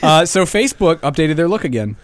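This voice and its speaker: A man's voice: a little high, big pitch swings, a little fast, no room sound. A young man co-hosting a college radio show, chatting casually and rambling with plenty of fillers and restarts. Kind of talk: casual on-air chat. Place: radio studio.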